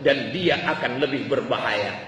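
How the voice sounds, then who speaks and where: A man's voice: medium pitch, normal speed, fairly bright tone, recorded from a distance. A man preaching a sermon, telling stories and asking his listeners rhetorical questions with emphasis. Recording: echoey hall with faint ambience.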